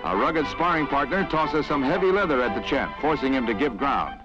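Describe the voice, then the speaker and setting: A man's voice: medium pitch, lively intonation. A man giving punchy, scripted narration for an old 1960s newsreel. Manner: brisk, punchy announcer delivery. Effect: old newsreel sound. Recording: lo-fi 1960s newsreel audio with music. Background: music score.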